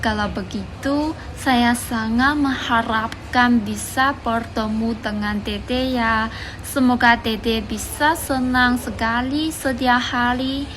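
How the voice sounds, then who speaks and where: A woman's voice: a little high, fairly even intonation, takes it slowly, fairly bright tone, a little hiss or hum, low-quality recording. A young woman student from Guangxi, China, speaking Indonesian as a foreigner with a Chinese accent, giving a careful, prepared self-introduction. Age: young adult. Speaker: university student.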